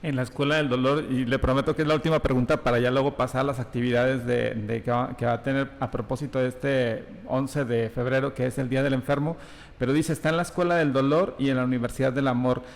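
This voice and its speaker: A man's voice: mid-range voice, fairly even intonation, quick pace, gravelly. A Mexican man hosting an interview, asking long questions with hesitations and many fillers. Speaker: interview host. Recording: reverberant room.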